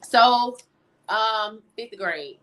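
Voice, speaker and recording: In a conversational interview, a young American teacher and singer-songwriter speaks with casual emphasis, frequently adding "you know." Her voice runs on the high side, fairly bright and expressive, and she draws out her words.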